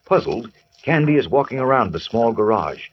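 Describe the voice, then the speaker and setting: A man's voice: medium pitch, sing-song, normal speed. A man narrating a radio serial as an old-time announcer, in a theatrical, suspenseful manner. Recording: muffled vintage radio recording.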